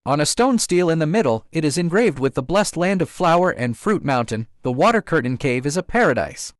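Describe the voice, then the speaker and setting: A bold young stone monkey, proud and joyful, crying out his words to the troop, as a male reader puts him on. The voice swings lively in pitch and sits a little high. It is recorded dry, with no room around it. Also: fairly quick, no echo, natural voice. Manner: exclaims in repeated short cries.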